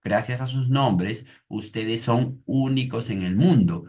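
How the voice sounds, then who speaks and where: Man doing a patient dad, slow careful explaining, a bit husky. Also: medium pitch, warm tone, voice pushed up. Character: patient, gently explaining father.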